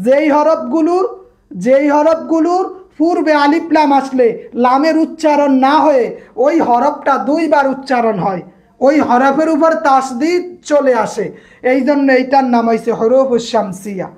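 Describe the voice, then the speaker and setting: A woman leads a grammar class. She has a high-pitched voice, states each rule, then asks it back as a question and answers it again. She calls on students by name to check they follow. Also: darkish tone. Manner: repeats points and asks the class to echo them. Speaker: grammar instructor. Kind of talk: online class lecture.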